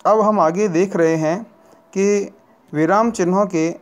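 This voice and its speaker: Male teacher explaining grammar to students, talks real slow, a bit high-pitched, keeps repeating himself. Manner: deliberate, repeats and corrects phrases. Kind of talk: slow Hindi grammar lesson.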